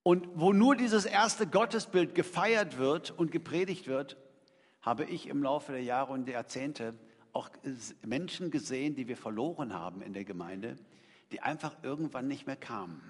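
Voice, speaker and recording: A man's voice: mid-range voice, expressive, moderate pace. A middle-aged man preaching a sermon in a conversational, emphatic way, throwing rhetorical questions to his congregation. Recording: long reverb of a large hall.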